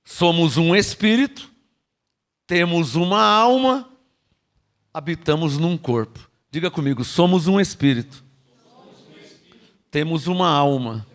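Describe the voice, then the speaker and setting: A man with a Brazilian Portuguese accent preaching a sermon, teaching with rhetorical questions and having the congregation repeat his phrases. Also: on the high side. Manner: lively, frequent rhetorical questions and laughs.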